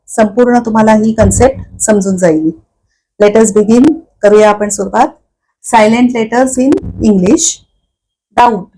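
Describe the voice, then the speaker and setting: A woman teaching English pronunciation, explaining each word slowly and patiently with many repetitions. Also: on the high side, warm tone, rough recording. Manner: slow, patient explaining with repeated words. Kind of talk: Marathi-medium English pronunciation lesson.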